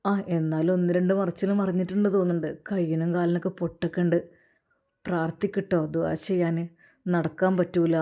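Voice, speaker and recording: A woman voicing a gentle male religious teacher sharing sad news. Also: fairly low pitch, pitched below the performer's own voice, lightly acted. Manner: subdued, consoling.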